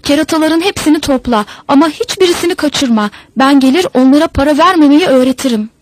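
A woman's voice: high voice, fast, natural voice. A woman voicing a bossy male district governor. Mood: commanding. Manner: commanding, scolding.

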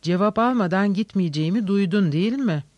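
A man voicing an agitated, demanding young gentleman who presses insistently and sharply. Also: high-pitched, a little fast, no room sound, lightly acted. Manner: insistent, sharp, shouting at times.

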